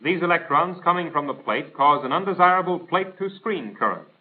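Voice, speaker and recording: Briskly and expressively, a higher-pitched American man reads a scripted instructional narration. His formal, precise, didactic manner recalls a 1940s military training film, heard on a tinny, band-limited 1940s film soundtrack.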